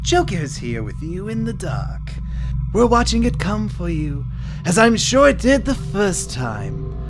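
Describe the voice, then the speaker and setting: A man's voice: high-pitched, wildly swooping pitch, measured pace, music in the background, exaggerated voice. A man playing a manic, theatrical clown villain in a radio drama, mocking and swinging from sing-song to menace. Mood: sinister.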